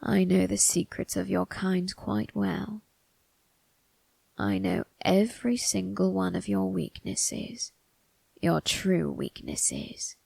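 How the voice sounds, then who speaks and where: A woman voicing a sinister, amused, ageless male grim reaper turned undertaker in an ASMR roleplay, breathy and gravelly, often dropping into a whisper, with a theatrical, teasing delivery. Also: mid-range voice, warm tone, no room sound, full character voice. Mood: amused, menacing. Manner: slow, theatrical, teasing, morbidly musing. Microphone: close microphone, dry.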